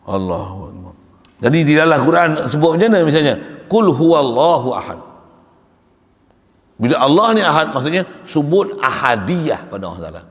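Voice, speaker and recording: A man with a Malaysian Malay accent giving a morning religious lecture, talking in a conversational, animated way with storytelling asides. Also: a little high, normal speed. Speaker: religious teacher. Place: mosque or religious school hall. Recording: long hall reverb.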